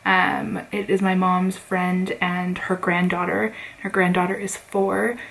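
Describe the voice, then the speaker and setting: Chatty young woman with gravelly fry. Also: lowish voice, flat delivery, takes it slowly, fairly bright tone, slight background noise. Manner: chatty, frequent "like" fillers, laughs often. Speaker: vlogger. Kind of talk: casual vlog chat. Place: at home in her bedroom.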